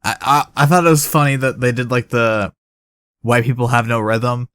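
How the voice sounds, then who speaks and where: Brief: young male podcast co-host, mid-pitched, casual and animated, dry close mic. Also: normal speed, clear, resonant tone, no room sound. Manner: animated, acts out movie quotes. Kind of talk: casual chat.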